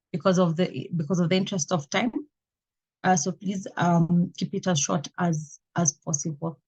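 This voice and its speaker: A woman's voice: medium pitch, darkish tone, lo-fi sound. A woman moderating an online meeting, politely calling on participants by name. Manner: polite, calls on speakers by name.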